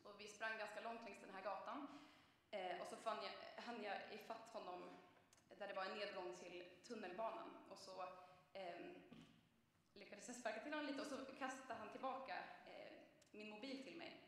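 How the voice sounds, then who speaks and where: A woman's voice: mid-range voice, fairly even intonation, a bit bright. A young woman preacher giving a conversational sermon, telling a personal story with frequent hesitations. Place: church. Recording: echoey church from a distance.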